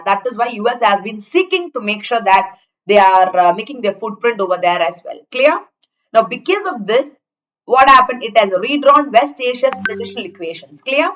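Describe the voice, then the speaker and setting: Speaking with a fairly high, fairly bright voice over a rough recording, an Indian-accented woman teaches an online exam class conversationally. She's talkative and explanatory and keeps making sure her students understand.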